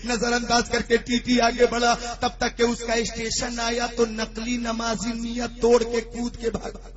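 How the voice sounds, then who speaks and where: A male preacher with a very high, flat-toned voice delivers a sermon through funny anecdotes. He builds to fervent, shouted climaxes and calls on the audience to answer back. The recording is dull and lo-fi, with faint music underneath. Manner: urges the audience to respond.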